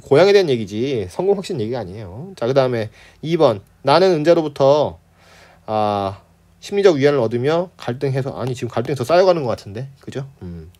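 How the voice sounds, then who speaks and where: A man's voice: mid-range voice, very animated, darkish tone. A man tutoring students through an exam problem set, chatty, often asking "right?" and scoffing at wrong answer choices. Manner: acts out characters in quick playful asides. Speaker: Korean literature tutor. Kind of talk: exam lecture walkthrough.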